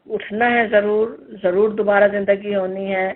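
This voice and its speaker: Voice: medium pitch, flat delivery. A Quran teacher giving a commentary lesson, explaining the verses word by word with emphasis. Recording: tinny phone-like recording.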